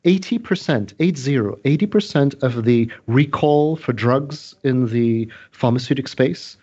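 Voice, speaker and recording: A man as a podcast guest, speaking at a middle pitch and laying out his points earnestly, stressing and restating each one. His audio sounds a little muffled and lo-fi. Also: unhurried, mellow, slightly rough. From Trinidad. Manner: earnest, emphatic, lecturing, repeats points. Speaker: scientist guest. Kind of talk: interview explanation. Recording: slightly dull lo-fi audio.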